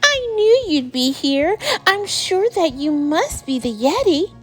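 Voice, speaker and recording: An excited, plucky young boy from a storybook, acted out by a woman reader. The voice leaps high with hopeful exclamations and swings widely, over soft music. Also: measured pace, heavily acted. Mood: thrilled. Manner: exclaiming, eager.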